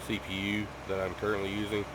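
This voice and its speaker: Fighting a cough, this gaming YouTuber talks to his audience at home in a fairly low, monotone voice and at a fast clip. His loose, rambling chat is packed with ums and false starts, and the background is noisy.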